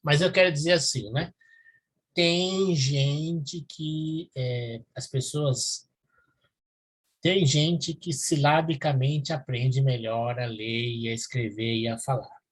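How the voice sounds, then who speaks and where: This male professor speaks slowly in a medium-pitched, steady voice. Throughout his university lecture he explains matters step by step and frequently checks that his listeners are following.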